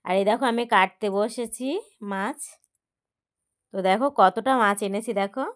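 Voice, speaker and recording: Casting: woman, medium pitch, informal show-and-tell chat for a home vlog. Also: moderate pace. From Sundarbans region of West Bengal, India. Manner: simple, repetitive show-and-tell phrasing, often prompting viewers to look. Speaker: home vlogger. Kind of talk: casual chat to viewers while working. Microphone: phone held by someone else.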